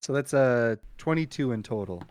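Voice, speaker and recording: A man playing a tabletop game, joking and expressive with his friends. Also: medium pitch, normal speed, no room sound, studio quality. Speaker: player.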